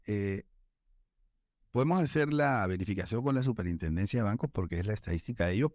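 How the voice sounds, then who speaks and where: Relaxed low-voiced Peruvian man moderating. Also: no room sound, clean studio sound. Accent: Peruvian Spanish. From Peru. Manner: relaxed, joking, conversational. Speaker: panel moderator. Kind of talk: panel discussion answer. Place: event room.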